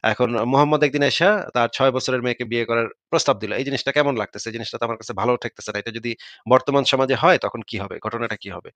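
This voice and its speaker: Fast, forceful man arguing in a heated debate. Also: medium pitch, no room sound. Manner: fast, argumentative, retelling dialogue with rising emphasis. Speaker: debate host. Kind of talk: heated live online debate.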